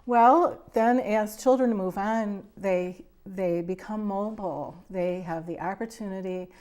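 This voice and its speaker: A woman's voice: mid-range voice, measured pace, a little mellow. A woman interviewer talking conversationally as she sets up questions for a guest.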